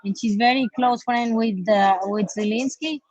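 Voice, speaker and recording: A woman's voice: on the high side, normal speed, a little mellow. A woman calling in over a Bluetooth headset mic as a congressional candidate, talking hesitantly with many fillers. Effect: remote call over a Bluetooth headset mic. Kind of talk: casual remote interview. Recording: dull lo-fi call audio.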